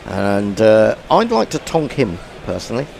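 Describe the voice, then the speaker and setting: A man's voice: lowish voice, huge pitch swings, moderate pace, gravelly, darkish tone, slight background noise. A man hosting a casual cricket commentary chat, rambling and self-mocking, tripping over long names. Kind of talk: casual pre-match chat.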